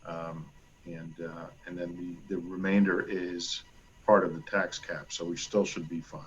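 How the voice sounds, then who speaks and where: A very low male voice runs a board meeting over a video call, briskly calling for motions and seconds. The sound is muffled, with a faint hiss under it, and his explanations wander through ums and uhs. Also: flat delivery. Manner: brisk procedural, with filler-laden explanations. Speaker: town supervisor chairing the board. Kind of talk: chairing a virtual meeting.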